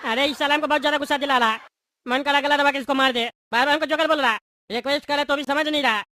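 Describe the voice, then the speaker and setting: A man's voice: very high-pitched, steady tone, rapid-fire, sharp tone, no echo. A voice actor playing a boastful but cowardly bald male politician in a cartoon. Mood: cowering. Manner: boastful, then pleading and whiny. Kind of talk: cartoon voice acting.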